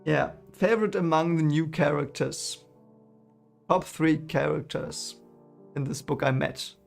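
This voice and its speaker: A German-accented man whose first language is German chats casually with his live chat about the book he's reading, a streamer working through a book series. His voice sits fairly high and sounds gravelly, and he speaks unhurriedly, rambling with plenty of fillers and restarts. Faint music plays behind him.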